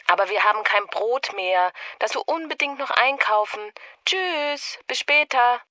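A familiar, brisk woman leaving an informal phone message. The voice is bright and fairly high, recorded very dry. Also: animated, no echo.

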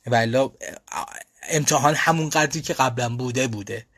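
A man's voice: mid-range voice, a bit bright, no echo, studio quality. Chatty man hosting a live Q&A. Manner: chatty, frequent fillers and restarts. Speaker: language school host answering viewer questions. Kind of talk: casual live Q&A. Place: lives in Europe.

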